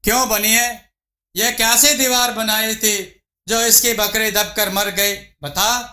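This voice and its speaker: A man's voice: sits high, steady tone, takes it slowly, bright, forceful tone, exaggerated voice. A man voicing a foolish, bossy king who gives commands, in an echoey room. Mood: commanding.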